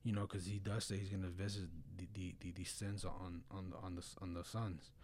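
A man's voice: deep voice, little pitch movement, a little fast, darkish tone, slight background noise. Blunt, earnest man in casual faith talk. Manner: blunt, earnest, frequent "bro" and "you know". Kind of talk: casual religious discussion.

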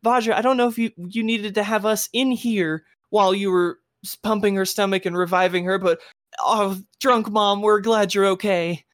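A man voicing a young child in a tabletop game, in a high, breathless voice. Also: fairly even intonation, moderate pace, no room sound, studio quality, natural voice. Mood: relieved.

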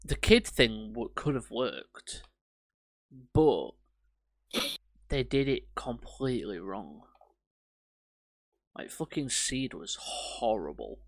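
A man's voice: medium pitch, slow, vocal fry, long pauses, no room sound. Rambling man, dry sound. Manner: rambling, swears casually, animated when ranting. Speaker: podcast host. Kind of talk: casual film review chat.

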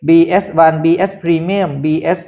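A man co-hosting a podcast, explaining business news in a casual, lively chat and asking rhetorical questions. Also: on the high side, a little fast, gravelly, muffled recording. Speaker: podcast co-host presenting news.

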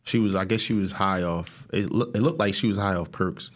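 A man's voice: sits low, a little fast. A man hosting a podcast, chatting casually with friends in slangy, profane talk and repeating his phrases. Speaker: podcast host. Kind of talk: casual chat among friends.

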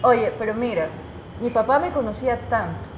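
A woman journalist, telling her own stories as an interview guest in an animated, emotional way, full of restarts. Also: on the high side, normal speed, slight background noise. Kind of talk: casual conversational storytelling. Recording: echoey room.

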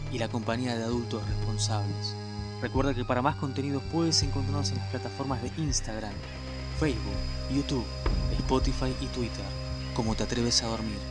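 A man reading a scripted opening for a paranormal podcast in a measured, deliberate way. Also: mid-range voice. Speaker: show announcer. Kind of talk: scripted narration intro.

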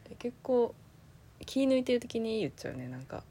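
A woman from Aomori with a Tsugaru accent, co-hosting a casual chat podcast in a relaxed, chatty way and laughing often. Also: fairly high pitch, brisk, slight background noise. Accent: Tsugaru dialect. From Aomori, Japan. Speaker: podcast co-host.

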